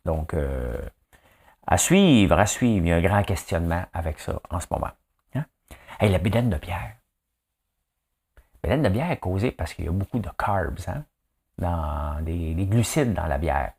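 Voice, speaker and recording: A man's voice: sits low, lively intonation, measured pace, pauses often, darkish tone, breathy edge. A man with a Québécois accent hosting a casual daily news commentary, chatty and joking, with frequent fillers and asides. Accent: Québécois French. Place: rural home in the countryside.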